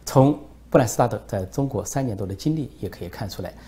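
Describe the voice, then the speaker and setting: A man delivers solo political commentary, pressing his points with emphasis and filling pauses with frequent "uh"s. His voice sits on the low side and sounds mellow. A faint hum runs under the recording. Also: expressive.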